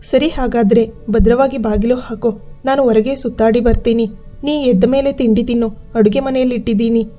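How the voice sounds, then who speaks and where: A woman's voice: a little high, fairly even intonation, fairly quick, warm tone, soft background music, close to an everyday voice. A woman voicing a young woman possessed by a vengeful spirit, speaking in a harsh, gritted-teeth voice in a storybook tale. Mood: casual.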